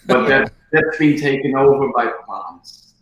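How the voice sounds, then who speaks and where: A man's voice: mid-range voice, unhurried, fairly bright tone. A man from the Netherlands with a Dutch accent, chatting casually as a livestream guest. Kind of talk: casual chat. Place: empty room under renovation, indoors. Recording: very echoey empty room.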